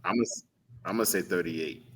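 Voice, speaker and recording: A man in his forties, co-hosting a podcast, asking deliberate questions and teasing the guest. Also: deep voice. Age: 40s. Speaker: podcast co-host. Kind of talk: casual interview chat.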